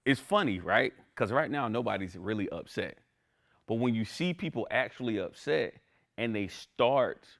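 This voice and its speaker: Lively man teaching a class. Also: on the low side. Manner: animated, conversational, asks "right?" often. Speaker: instructor. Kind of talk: classroom lecture.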